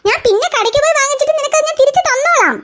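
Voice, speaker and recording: A talkative cartoon mother who rambles on and on in a very high voice, acted out by a woman. The tone is bright and sharp. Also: expressive, racing. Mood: chatty. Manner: rambling, gossipy chatter. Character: chatty neighbor mother, talkative and fussy. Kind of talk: cartoon voice acting.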